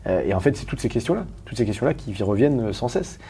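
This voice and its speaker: A man from Paris, a guest talking candidly in an interview, rapid and emphatic with many restarts and questions to the listener. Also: mid-range voice, very animated, dark tone, breathy edge. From Paris, France.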